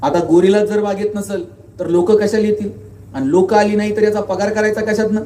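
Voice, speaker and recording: A guest speaker with a high, mellow voice gives a brisk motivational speech in a level tone, telling humorous stories and pressing the crowd with rhetorical questions. The mic is distant, so he sounds set back in an echoing hall with faint background noise.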